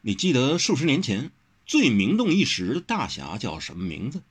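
A man voicing a calm, thoughtful young swordsman who explains things in a measured way, in a storybook reading. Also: medium pitch, breathy edge, voice pushed up, full character voice.

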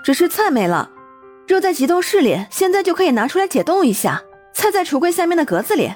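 A woman voicing a cheerful, caring young actress in an audiobook, talking in a lively, chatty way. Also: extremely high pitch, fast, soft background music, voice pushed up.

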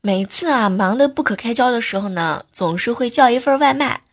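A woman's voice: on the high side, animated, a little fast, soft background music. A woman hosting a comedy show, telling funny everyday stories in a playful, teasing way. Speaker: host. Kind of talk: comic joke storytelling.

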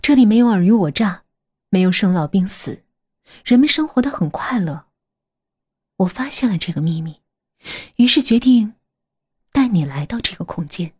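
Woman playing a husky scheming sister scientist. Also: mid-range voice, lively intonation, normal speed, pauses often, a little mellow. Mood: eerie calm.

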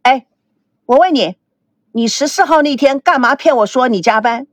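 A woman voicing an angry, jealous young bride-to-be in an audiobook, sharp and accusing. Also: high-pitched, moderate pace, dry recording.

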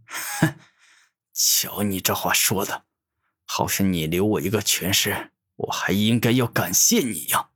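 A man voicing a proud, furious male villain cultivator who shouts in defiance, with a husky voice. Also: low voice, a little slow, dry recording, studio quality, exaggerated voice. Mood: defiant.

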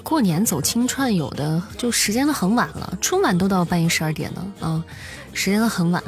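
A woman livestream host chats her way through a creepy tale to her viewers. Her talk is loose and full of restarts, and she often asks them if they follow. Faint music plays under her voice. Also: on the low side. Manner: chatty, often checks in with listeners and restarts her sentences. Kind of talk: casual storytelling to a live audience.

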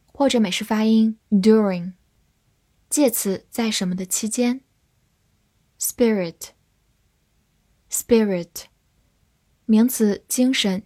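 Slow, husky woman teaching vocabulary. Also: on the high side, darkish tone. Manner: slow, clear word-by-word drilling. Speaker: English teacher. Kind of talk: vocabulary lesson.

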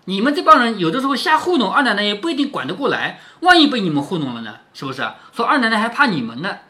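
A man's voice: high-pitched, big pitch swings, quick pace, pushed and bright. A man reading a classic novel aloud and explaining it, often asking rhetorical questions. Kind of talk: storytelling with explanations.

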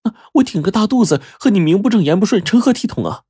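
A man's voice: high-pitched, very animated, fast, mellow, breathy edge, dry recording, studio quality, voice pushed up, heavily acted. A man voicing a shy young unmarried woman who talks in a flustered, pleading way. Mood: anxious.

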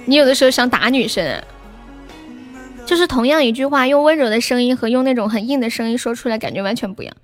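A woman's voice: on the high side, quick pace, faint music behind. A young woman hosting a livestream, chatting casually and playfully teasing her viewers with advice. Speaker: livestream singer and host.

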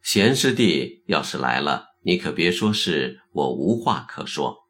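A man voicing a blunt, quick-witted young Zen disciple in a told story, low and deliberate. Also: big pitch swings, a bit bright, exaggerated voice. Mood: direct. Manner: plain-spoken, direct.

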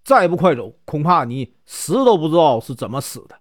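A hot-tempered young lord spits out angry insults, as a male storyteller acts him out. His voice sits fairly high and moves with lively pitch, close and dry. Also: fairly quick, dry recording. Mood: enraged.

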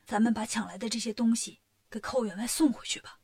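A woman voicing a gentle male monk who speaks softly and pleads his case. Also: on the high side, steady tone, fast. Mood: pleading.

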